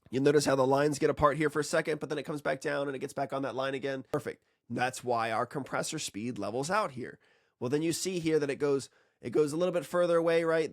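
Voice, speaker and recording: A man's voice: on the high side, gravelly, dry recording, clean studio sound. A man teaching HVAC data analysis in a casual walkthrough, full of sarcastic jokes and playful asides. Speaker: HVAC instructor.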